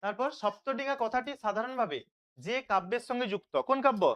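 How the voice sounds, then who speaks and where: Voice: mid-range voice, quick pace, a bit bright. A teacher leading an online revision class, asking questions and then answering them, checking again and again that students follow.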